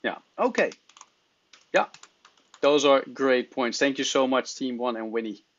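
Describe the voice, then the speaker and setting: A man informally leading a class discussion as facilitator, encouraging and quick to acknowledge people's answers. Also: mid-range voice. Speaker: course facilitator. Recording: dull, lo-fi call audio.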